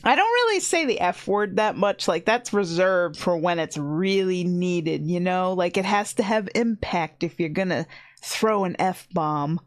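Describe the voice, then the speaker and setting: A woman's voice: on the low side, animated, unhurried. A woman in her thirties chatting casually on a stream, rambling with lots of "like" and frequent laughs. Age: 30s. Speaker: VTuber streamer.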